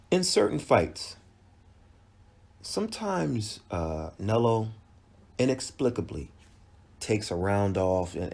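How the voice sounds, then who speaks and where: A man giving a halting solo recap of a boxing match, with frequent restarts and fillers. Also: lowish voice, darkish tone. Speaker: boxing commentator.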